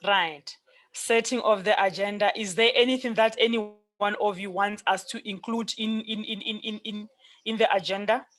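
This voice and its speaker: A person chairing a formal meeting in a halting manner, often repeating words while searching for the next one. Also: mid-range voice, steady tone, a bit bright.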